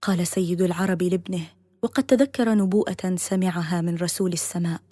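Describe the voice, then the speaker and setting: A woman narrating a dramatic story in a soft, half-whispered delivery. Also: on the low side, brisk, no echo, studio quality.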